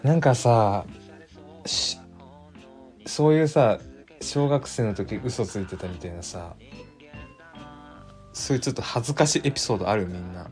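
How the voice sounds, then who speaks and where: A man's voice: fairly low pitch, normal speed, pauses often, faint music behind. A man with a Kansai accent hosting a casual solo livestream, chatting loosely and reading listener messages aloud. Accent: Kansai Japanese. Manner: chatty, animated, muses aloud with frequent fillers. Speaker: livestream radio host.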